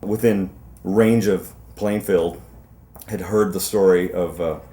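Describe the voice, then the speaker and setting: A man in a documentary interview, explaining things in a thoughtful, measured way. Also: low-pitched, steady tone, dark tone.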